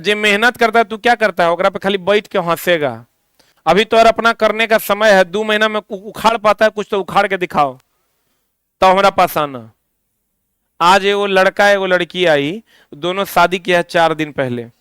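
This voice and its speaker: A man's voice: high voice, normal speed, fairly bright tone, clear, resonant tone, no room sound, studio quality. A man with a Bihari accent teaching a class, drilling students with repeated questions and scolding them. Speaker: coaching teacher. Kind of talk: classroom lecture.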